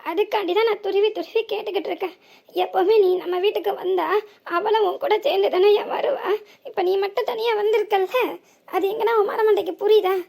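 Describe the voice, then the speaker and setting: A woman's voice: very high voice, fairly even intonation, a little fast, gravelly, a little mellow. A woman voicing an anxious, scolding old village grandmother with a southern Tamil Nadu accent in a cartoon. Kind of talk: cartoon voice acting.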